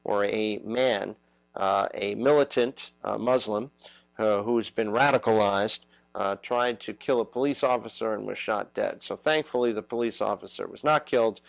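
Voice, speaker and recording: Halting male talk show host. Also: lowish voice, gravelly, no room sound, low-quality recording. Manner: halting, many "uh" fillers.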